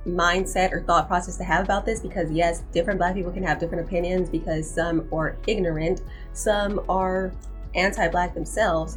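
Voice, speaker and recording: Emphatic young woman, lowish voice. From United States. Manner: emphatic, insistent, repeats herself for stress. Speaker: commentary channel host. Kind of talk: opinion commentary to camera.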